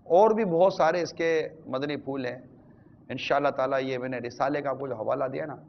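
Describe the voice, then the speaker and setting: A man's voice: mid-range voice, creaky, highs cut off, a little hiss or hum. A man giving a conversational sermon on marriage as an Islamic preacher, speaking straight to his viewers.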